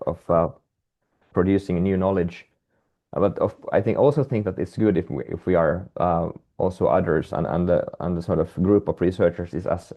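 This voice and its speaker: A Finnish man from Finland, working as a guest researcher, speaks in a deep, dark voice over a video call for a webinar conversation. He talks hesitantly, restarting often and using many fillers, and the audio sounds dull.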